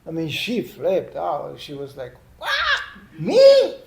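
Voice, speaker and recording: An older man preaching in a lively storytelling manner, often adding "you know". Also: fairly high pitch, unhurried, vocal fry. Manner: lively anecdotal telling with "you know" asides. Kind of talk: storytelling sermon. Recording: echoey room, faint background noise.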